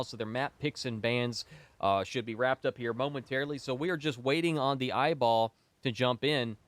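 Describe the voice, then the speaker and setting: A man's voice: mid-range voice, fairly bright tone, dry recording. A sick, stuffy man casting a game tournament on a live stream, chatty and playful and prone to wandering off topic. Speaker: esports tournament caster. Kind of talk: casual live-stream commentary.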